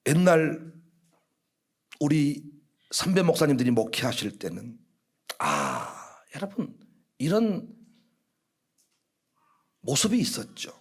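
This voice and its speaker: A middle-aged male pastor with a Jeolla accent, preaching a fiery sermon in a church and breaking into loud, acted-out scoldings. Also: fairly high pitch, very animated, slow pace, long pauses, breathy edge. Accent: Korean, Jeolla region. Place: church sanctuary.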